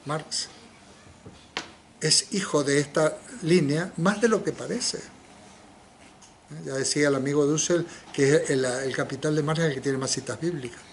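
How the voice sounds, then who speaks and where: A man's voice: on the high side, measured pace, pauses often, a little hiss or hum. An older man giving an informal philosophy seminar lecture, asking the audience rhetorical questions and dropping frequent tag questions. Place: lecture room in a community center.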